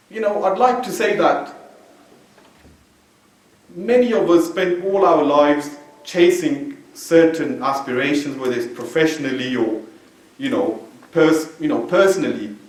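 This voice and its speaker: Guy from belgium giving a chatty sermon, a bit high voice, loud echo, kinda far from the mic. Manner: conversational, frequent "you know" fillers. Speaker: religious speaker. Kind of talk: informal sermon. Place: mosque hall, indoors. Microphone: stand mic at a distance. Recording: very echoey hall, voice from off-mic.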